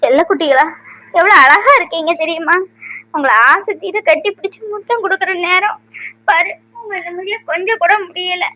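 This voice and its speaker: A woman's voice: very high-pitched, normal speed, sharp tone, no echo, low-quality recording. A woman voicing a tearful young mother of newborn twins who speaks tenderly and pleads in a cartoon serial.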